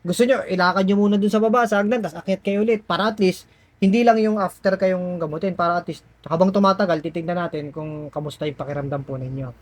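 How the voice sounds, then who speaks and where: Indoors, a man working as a spiritual healer speaks fast in a high voice, explaining things to his patients during a session. He reassures and coaxes them, going over the same points repeatedly.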